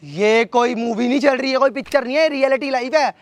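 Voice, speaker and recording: A man's voice: very high-pitched, a little fast. A man playing an exasperated young engaged man who argues indignantly with his fiancée in a scripted family drama skit, going over the same points again and again. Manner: indignant, repetitive arguing.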